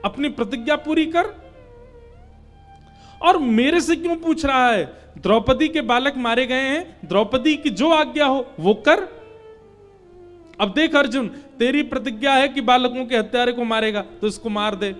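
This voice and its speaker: A man voicing the divine Krishna in a sermon story, gently teasing and giving firm instruction to his friend. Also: very high-pitched, steady tone, normal speed, few pauses, clean tone, soft background music. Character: Lord Krishna, divine male friend, playful yet firm.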